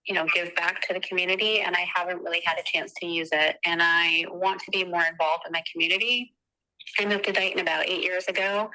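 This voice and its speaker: A woman comes through a phone set on speaker, caught from across the room, her fairly low voice still bright and forward. She answers interview questions for a town health board earnestly and plainly, with frequent ums between her points. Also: rough recording. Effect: heard over a phone on speaker.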